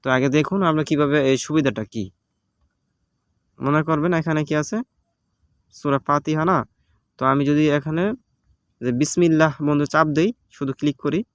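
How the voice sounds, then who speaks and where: Bangladeshi guy walking thru an app tutorial, slightly high voice, dry close sound, lots of "ah" fillers. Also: fairly even intonation, normal speed, long pauses, dry recording, lo-fi sound. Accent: Bangladeshi Bengali. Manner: patient, repetitive step-by-step explaining with many fillers. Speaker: tutorial host. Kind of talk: casual screen-recorded app tutorial. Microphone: phone recording.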